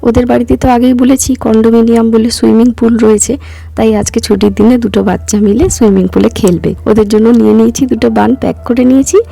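A woman in her thirties, hoarse from a cough, chatting casually as a vlogger and walking viewers through each step. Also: on the high side, steady tone, quick pace, mellow, no echo. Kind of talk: casual vlog narration.

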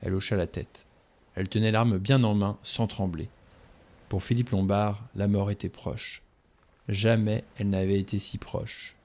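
Low-voiced man reading a novel. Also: a little mellow. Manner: slow, deliberate, dramatic pauses. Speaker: audiobook reader. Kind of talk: novel read aloud.

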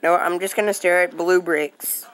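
A woman's voice: fairly low pitch, steady tone, moderate pace, a little hiss or hum, rough recording. A woman chatting casually while playing an online game, matter-of-fact and a bit sly. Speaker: gamer. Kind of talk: casual gaming chat.

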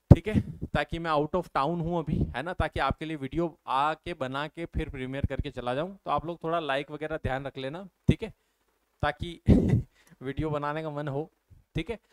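Working through an exam-prep maths lesson step by step, an Indian man keeps asking his viewers questions and answering them. His voice is on the high side, clear and resonant, in a dry recording.

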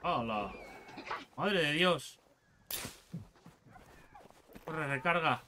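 A man with an accent from Spain giving excitable, foul-mouthed let's play commentary as a gaming channel host, taunting enemies as he plays. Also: a little high, extremely slow, noisy background. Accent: Spain Spanish.

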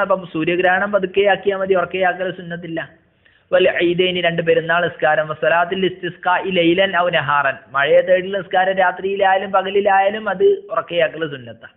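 A man teaching a religious lesson, reading out a text phrase by phrase and explaining each part. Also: on the high side. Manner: reads a phrase aloud, then explains it in steady teacherly tones. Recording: tinny phone-like sound.

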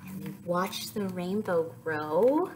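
Slowly and in a lowish voice, a young woman hosts story time, reading and chatting to young children against slight background noise. Her tone is animated and sing-song, full of questions for her listeners.

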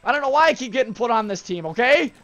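A man's voice: very high voice, expressive, fast talker, a bit bright, soft background music. A man giving live gameplay commentary, frustrated and exasperated, with sudden outbursts.

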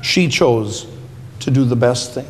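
A man reading a calm, patient male teacher in a children's Bible story, in a slow, soothing way. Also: mid-range voice, voice pushed down, close to an everyday voice. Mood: gentle. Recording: echoey church hall, faint hum.

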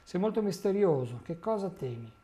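A man's voice: high voice, big pitch swings, moderate pace, warm tone, pitched above the performer's own voice. A man reading as a young male hobbit who asks bewildered, worried questions. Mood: puzzled.

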